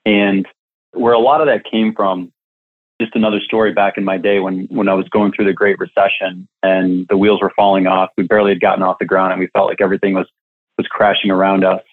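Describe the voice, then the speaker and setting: A man's voice: sits low, flat delivery, fairly quick. A man who coaches staffing businesses, telling a candid, reflective story in an interview. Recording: tinny phone-like line.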